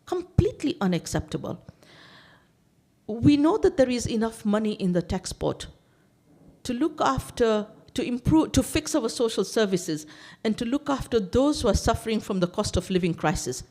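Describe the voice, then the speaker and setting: A woman's voice: a little high, darkish tone. A woman who grew up in Tanzania, an election candidate giving an emphatic campaign speech to a seniors' gathering in a community hall, stacking up lists and repeating words to stress her points.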